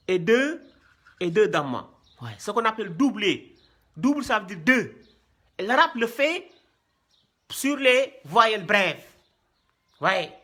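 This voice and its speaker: A man teaches a class how to read Arabic script as a Quran reading teacher, his high-pitched voice sharp in tone. He is repetitive, drilling terms and checking with "hein" and "voyez bien".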